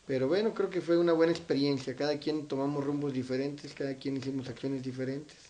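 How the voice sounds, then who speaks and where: A middle-aged man from Zacatecas, Mexico, with a central-northern Mexican accent, casually recalls things as an interview guest indoors at his own home. His mid-range voice is mellow and steady, and he speaks briskly.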